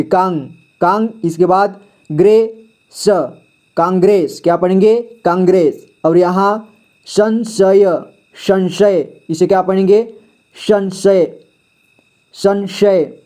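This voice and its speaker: A man with a fairly high but mellow, soft-edged voice leads a slow Hindi phonics lesson. He reads each word twice, asks what it should be read as, and answers himself in a steady, patient way. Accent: Indian Hindi. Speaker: Hindi reading teacher. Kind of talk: slow phonics lesson, reading words aloud.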